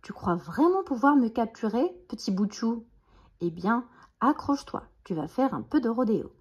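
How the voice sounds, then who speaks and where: A woman doing a calm, teasing big bison. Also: on the high side, moderate pace, slightly rough, highs cut off. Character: big good-natured male bison.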